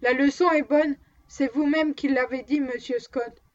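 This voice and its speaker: A woman's voice: high voice, fairly even intonation, measured pace. Woman reading as a blunt stubborn dog handler. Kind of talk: audiobook reading. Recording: dull lo-fi recording.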